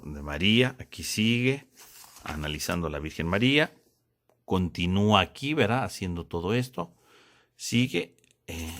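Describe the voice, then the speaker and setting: A man's voice: on the low side, a bit bright. A man teaching a theology lesson, explaining step by step and checking in with tag questions. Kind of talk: classroom lesson.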